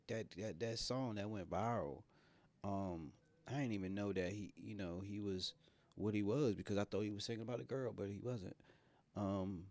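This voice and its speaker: A man's voice: on the low side, darkish tone. A man hosting a podcast, chatting casually and rambling, laughing often as he talks. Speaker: podcast host. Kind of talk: casual interview chat.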